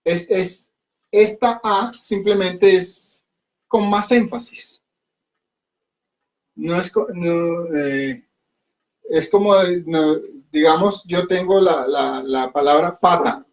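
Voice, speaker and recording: Slow, high-voiced man teaching a class. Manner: patient, repeats words and asks "¿ok?" often. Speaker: Hindi teacher. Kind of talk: classroom lesson at a whiteboard. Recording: dull lo-fi recording.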